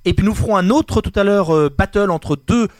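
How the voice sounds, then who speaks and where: Male radio host, quick and high-pitched, hamming up a party game at a studio mic. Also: dry recording. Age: adult with young children. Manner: playful, theatrical game-show patter. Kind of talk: lively radio banter. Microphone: studio microphone.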